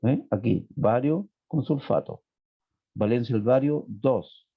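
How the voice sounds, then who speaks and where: A man's voice: medium pitch, expressive, slow pace, gravelly, husky. A man teaching a chemistry class online, explaining step by step and checking in with his students. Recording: tinny phone-like line.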